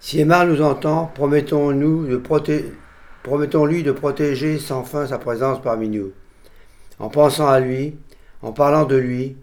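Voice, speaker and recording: An older man reading a funeral eulogy in a solemn, measured way. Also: a little high, fairly even intonation, darkish tone. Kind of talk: funeral eulogy read aloud.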